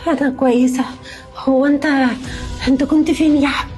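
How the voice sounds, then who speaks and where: A woman's voice: high voice, fairly even intonation, fast talker, darkish tone, soft background music, natural voice. A woman playing a young wife thrown out onto the street, pleading and fearful. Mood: afraid. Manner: pleading, tearful.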